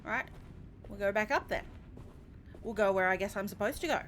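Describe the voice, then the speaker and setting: A young Australian woman commentating live as she plays a video game, animated, swearing and laughing often. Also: mid-range voice, fairly quick, slight background noise. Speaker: streamer.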